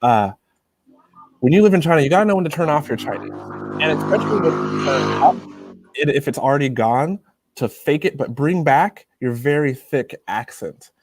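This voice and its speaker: A man from the United States, a YouTuber guest, casually telling animated anecdotes and laughing often. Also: fairly high pitch, moderate pace, soft background music. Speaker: interview guest, Chinese-teaching YouTuber. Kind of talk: casual storytelling in a video interview.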